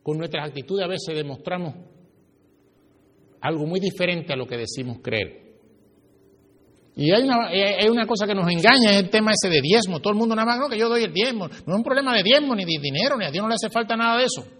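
Male pastor preaching in a church, high voice, big echoey hall, gets loud then drops low. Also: lively intonation, a little fast. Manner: preaching with emphatic swings in pitch and volume. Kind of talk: sermon. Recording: reverberant hall.

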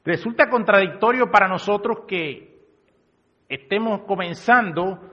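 In a church hall, a pastor talks straight to his congregation in a conversational sermon. He has a high, bright male voice with a forceful tone and a slightly slow pace, captured on a dull lo-fi recording full of long hall reverb.

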